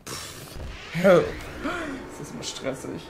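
A young woman hosting a let's play, chatting excitably with frequent swearing and sudden shrieks. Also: low voice, takes it slowly, gravelly, noisy background. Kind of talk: casual gameplay commentary. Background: faint game music.

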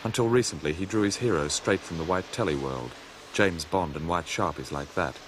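Low-voiced Australian documentary narrator. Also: male voice, fairly quick. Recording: noisy old documentary film audio.

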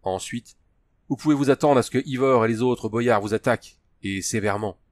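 A man reading the lines of a solemn male peasant elder in an audiobook, speaking in a level, measured tone. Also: mid-range voice, no room sound, clean studio sound, natural voice. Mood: advising. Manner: even, measured.

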